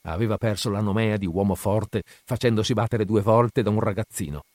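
A man reading a literary short story aloud in a measured, unhurried way. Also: lowish voice, fairly even intonation, darkish tone, no room sound. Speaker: reader, channel host.

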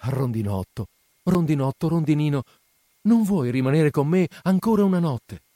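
A man voicing a generous, sorrowful male statue prince in a storybook reading, speaking softly and imploringly. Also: on the high side, animated, moderate pace, no room sound, studio quality, voice pushed up.

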